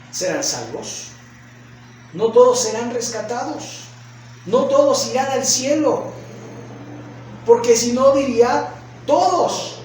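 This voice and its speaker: A male pastor with a Mexican Spanish accent preaching a sermon, asking rhetorical questions and acting out shouts. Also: extremely high pitch, slight background noise. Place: church sanctuary. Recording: echoey church hall from far off.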